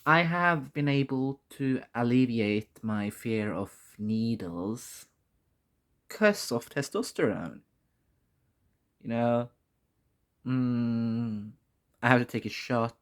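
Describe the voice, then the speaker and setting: A man with a fairly low voice talks very slowly in a casual personal vlog. His delivery is halting and candid, with mild swearing dropped in. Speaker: vlogger.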